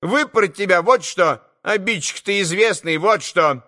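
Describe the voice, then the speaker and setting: A man reading an audiobook, voicing a loud, quarrelsome female market trader who is not yet old. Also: high-pitched, normal speed, voice pushed up. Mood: scolding. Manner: loud, scolding.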